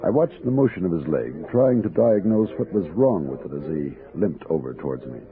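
An actor playing a calm, capable frontier army captain with a measured, matter-of-fact delivery in a radio drama. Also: male voice, deep voice, a crowd in the background. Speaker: narrator and lead character. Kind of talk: 1960s radio drama acting and narration. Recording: dull old radio recording.

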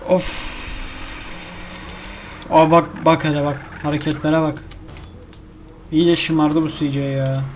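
Gaming commentator, male, higher pitch, frustrated self-talk, slight background hiss. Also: little pitch movement, slow pace, long pauses. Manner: exasperated, complaining, talks to himself and the game. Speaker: gaming YouTuber. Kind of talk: casual gameplay commentary.

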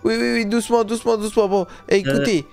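A man's voice: high-pitched, vocal fry, clean tone, faint music behind. Chatty young guy gaming on camera. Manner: lively, scattered, full of fillers and quick asides. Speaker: gaming youtuber. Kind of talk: casual Minecraft let's play.

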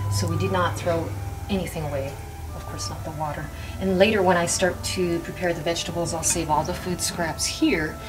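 Middle-aged docent woman, lowish voice, shows objects on a tour, heard from afar with music. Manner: explaining, pointing things out, "if you notice". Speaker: museum docent. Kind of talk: guided demonstration. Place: indoors in an old wooden farmhouse. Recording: distant mic with music behind.

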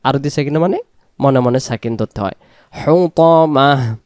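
A man teaching Quran recitation, spelling each word letter by letter and then chanting the verse slowly. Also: medium pitch, dry recording, studio quality.

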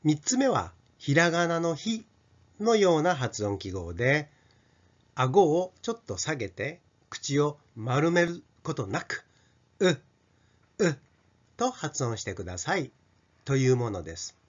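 Slow, lively Japanese man teaching pronunciation. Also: on the high side. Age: older. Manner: slow, careful, models English sounds for repeating. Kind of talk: scripted pronunciation lesson. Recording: slightly dull lo-fi sound.

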